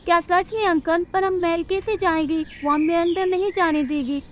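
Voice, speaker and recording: Woman putting on a little girl bird, very high childish whine, sulky and demanding, cartoon storybook voice. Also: normal speed, a little hiss or hum, close to an everyday voice. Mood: pleading.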